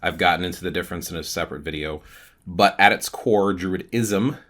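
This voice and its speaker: A man with a very low but bright, forceful voice talks to the camera about his own ideas. He explains things thoughtfully, stopping often to gather his words. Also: fairly quick. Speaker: channel host. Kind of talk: casual talk to camera.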